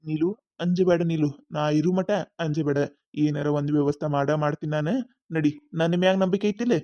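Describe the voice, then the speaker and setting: A brash, boastful village son from a cartoon comedy, as a man acts him out, with a North Karnataka accent. His voice sits fairly high for a man. The sound is dull and lo-fi. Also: steady tone, brisk, mellow, close to an everyday voice. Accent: North Karnataka Kannada. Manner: brash promises and blunt commands. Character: stubborn middle-aged village son, boastful.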